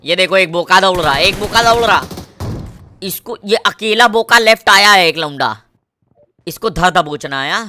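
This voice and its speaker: A man with a Kanpur Hindi accent commentating his mobile gameplay, with swaggering, crude trash talk and shouts at enemies. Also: sits high, normal speed. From Kanpur, India. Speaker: mobile gamer.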